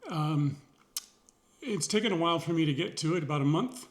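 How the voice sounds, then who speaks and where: Reflective man rambling in a vlog. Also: fairly high pitch. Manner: rambling, pausing, many fillers; sincere, reflective, wry. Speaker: vlogger. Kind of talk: casual personal video journal.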